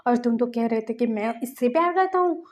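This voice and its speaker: A woman's voice: a little high, animated, brisk, darkish tone, natural voice. A woman voicing an earnest lovestruck young man who pleads and protests in casual slang. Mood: earnest, protesting.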